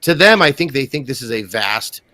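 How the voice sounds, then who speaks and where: A man speaking as a guest on a live panel show, relaxed and offering critical commentary with casual asides. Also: medium pitch, normal speed.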